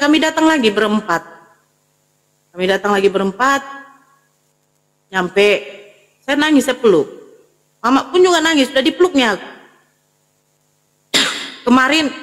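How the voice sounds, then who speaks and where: A woman's voice: a little high, animated, normal speed, pauses often, fairly bright tone, in a large hall. A woman giving a personal testimony, retelling events vividly and acting out her family's words. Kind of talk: emotional personal storytelling.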